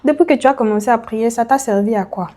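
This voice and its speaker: A woman's voice: a little high, quick pace, mellow, lightly acted. A woman voicing a coaxing tempter voice. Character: discouraging tempting inner voice, coaxing.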